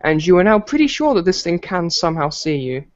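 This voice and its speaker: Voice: mid-range voice, very animated, brisk. A game master running a tabletop game, chatty and joking, often correcting themself mid-sentence. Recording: dull lo-fi recording with faint noise.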